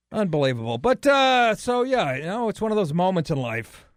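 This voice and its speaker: A man's voice: high-pitched, moderate pace, no echo, studio quality. A man co-hosting a radio talk show, telling a comic anecdote casually and acting out the quotes. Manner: animated anecdotes with acted-out quotes and laughs. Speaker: radio show co-host and comedian.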